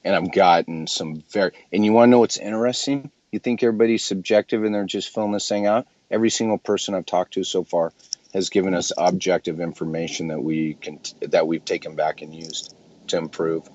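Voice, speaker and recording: A man who runs a clinic, talking casually and emphatically in a group discussion, often clearing his throat. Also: low voice, steady tone, brisk, a little mellow, no echo, dull audio. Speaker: clinic owner.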